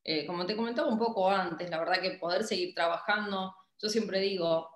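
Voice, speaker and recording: A young woman with an Argentine Spanish accent, a club director, joins a casual video-call interview as a guest from her indoor home office. Her voice is on the low side, heard through a laptop webcam mic with a roomy sound, and she hesitates often, with many fillers and restarts.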